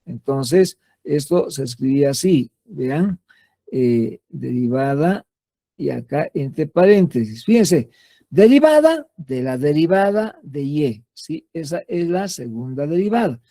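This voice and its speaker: A man's voice: fairly high pitch, very animated, takes it slowly, warm tone, no echo, clean studio sound. A man teaching a math lesson, explaining step by step with patient repetition and checking understanding after almost every phrase. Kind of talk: classroom lecture.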